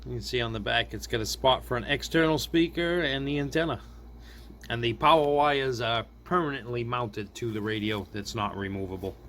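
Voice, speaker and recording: A man with a medium-pitched, slightly bright voice speaks at a moderate pace. He is a product reviewer casually demonstrating a gadget by hand, chuckling often as he thinks aloud. The indoor recording is clearly noisy.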